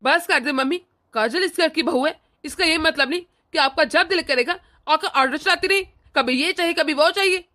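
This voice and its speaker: A woman's voice: high voice, moderate pace, few pauses, pushed and bright. A woman voicing a rude, scornful young husband in a cartoon who scolds his mother. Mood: scolding. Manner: scolding, sneering. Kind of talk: cartoon voice acting.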